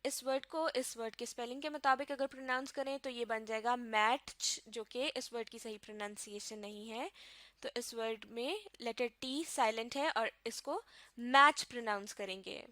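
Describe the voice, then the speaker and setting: A woman from Pakistan teaching a recorded lesson, her voice sitting a little high. She explains slowly and carefully, spelling words out letter by letter. The sound is dry, with no room around it. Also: no room sound.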